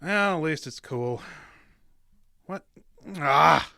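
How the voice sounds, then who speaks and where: A man's voice: mid-range voice, normal speed, pushed and bright, dry recording, studio quality, natural voice. An actor playing Buck, a folksy small-town young man who narrates a creepy tale in old-time radio drama style. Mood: joshing.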